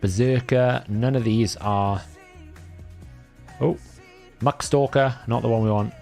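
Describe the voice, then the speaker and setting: Slow and gravelly yet mellow, the mid-range voice of this Welsh streamer stays fairly even in intonation, with faint music behind. He's a native Welsh speaker giving casual, chatty game commentary, thinking aloud and often self-correcting.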